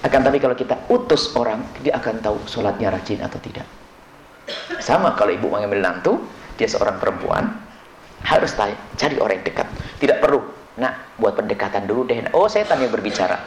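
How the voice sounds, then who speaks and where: A man preaching a sermon on marriage, quick and animated, acting out little dialogues between spouses. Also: on the low side. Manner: lively, quick preaching with acted-out quoted dialogues. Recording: echoey hall with faint noise.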